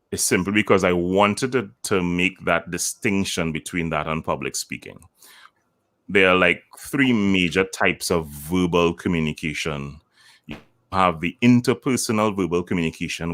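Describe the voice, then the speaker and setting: Man, very deep voice, voice coach, measured, demonstrative delivery. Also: fairly bright tone. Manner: measured, demonstrates lines with deliberate intonation. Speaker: voice communication coach. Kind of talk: interview guest explaining.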